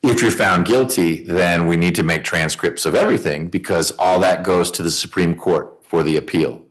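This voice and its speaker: A man's voice: low voice, normal speed, rough recording. A man speaking as a judge, explaining procedure in a plain, conversational way and checking that he is understood. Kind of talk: informal courtroom explanation. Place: courtroom.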